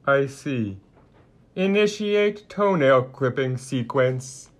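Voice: mid-range voice, animated, takes it slowly. A voice actor playing a polite, lonely stowaway robot in a cartoon, talking in a stiff, formal robot voice. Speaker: robot character. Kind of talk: cartoon voice acting.

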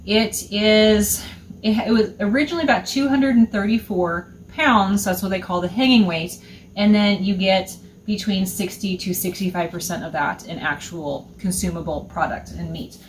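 Woman, 30s, homestead vlogger, casual step-by-step explainer, mid pitch, faint room hum. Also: moderate pace. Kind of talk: casual show-and-tell. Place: small indoor utility room.

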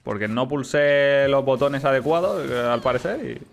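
A young man with a Canary Islands accent, commenting casually on his gameplay and swearing excitedly at the game. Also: medium pitch, moderate pace, creaky, slight background noise. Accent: Canary Islands Spanish.

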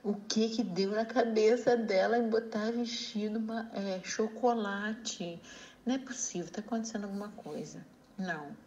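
A woman's voice: mid-range voice, moderate pace, darkish tone, lo-fi sound, a little hiss or hum. A woman in a voice message, retelling something in a chatty, incredulous way.

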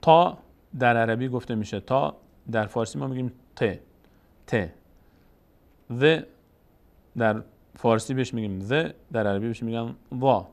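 A man teaching a beginner's lesson on reading letters, slow and patient, explaining step by step. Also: medium pitch, gravelly.

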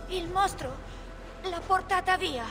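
A woman's voice: very high-pitched, takes it slowly. A woman voicing a frightened young child on the run in a video game dub. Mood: frightened, urgent. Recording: loud game music behind the voice.

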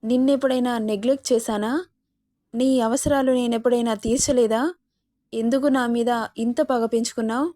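An intense, possessive young lover in a spoken romance story, firing demanding questions in a fierce tone , as a woman narrator reads him in her own voice. The voice sits fairly high and stays level, with a dry, close sound. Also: fairly even intonation, brisk, warm tone, no echo, close to an everyday voice. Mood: hurt.

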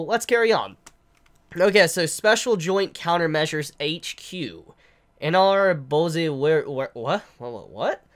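This is a congested, flu-ridden man in his twenties reviewing a manga chapter to camera indoors, in a living room with a couch. He rambles and stammers over made-up words, his fairly high voice bright and clean.

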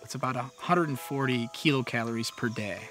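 A man's voice: mid-range voice, brisk, a bit bright, faint music behind. A male researcher explaining things plainly in an interview out in the field. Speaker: research scientist. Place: outdoors in rainforest.

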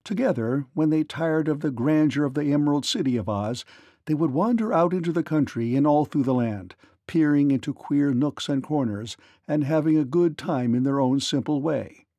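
A man narrating a children's read-along storybook in an expressive, lilting manner. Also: a little high, normal speed, dry recording, dull audio.

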